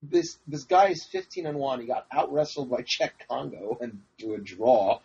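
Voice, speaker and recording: A man's voice: medium pitch, normal speed, a little mellow, slightly rough, muffled recording. A man on a podcast panel giving blunt, profane fight predictions in casual chat.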